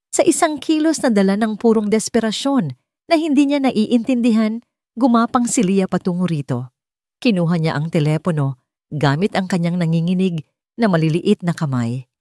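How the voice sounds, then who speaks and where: This Filipino-accented woman narrates a scripted dramatic audiobook story in a medium-pitched, slightly mellow voice. The studio recording is clean and free of echo.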